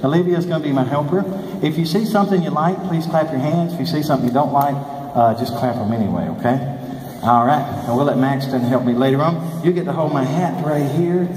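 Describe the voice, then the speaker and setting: A man's voice: a little high, fairly quick, darkish tone. A man in his sixties talking as a kids party magician, joking and speaking directly to the children in his live show patter. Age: 60s. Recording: echoey hall from far off, faint noise.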